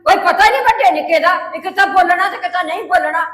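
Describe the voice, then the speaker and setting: A woman playing a mother-in-law in a family drama, scolding and sharp-tongued. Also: extremely high pitch, quick pace, reverberant. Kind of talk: scripted family drama acting.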